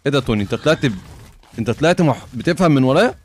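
A man with an Egyptian Arabic accent giving excitable gaming commentary, swearing and dropping in English phrases. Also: medium pitch, racing. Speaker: gamer.

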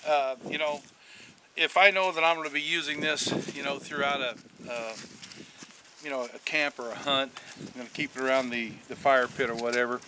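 An older man hosting a casual outdoor bushcraft tutorial, talking in a relaxed, rambling way with many fillers and restarts, filmed outdoors in winter. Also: medium pitch, normal speed. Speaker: bushcraft channel host. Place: outdoors in a snowy rural yard in winter. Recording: loud wind and outdoor noise.

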